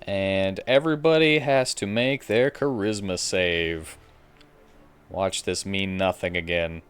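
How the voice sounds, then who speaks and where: Slow and low-voiced, this man runs a tabletop RPG as game master, telling the action with a playful touch and voicing fights through silly sound effects. His tone is clean, and background music accompanies the recording.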